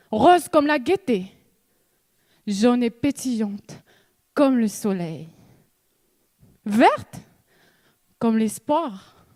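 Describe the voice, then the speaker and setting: A young woman from New Caledonia, a student giving a contest speech on stage with slow, measured delivery, dramatic pauses and repeated refrains. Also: a little high, warm tone. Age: young adult. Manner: rhetorical questions and repeated refrains. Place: stage in a hall before an audience.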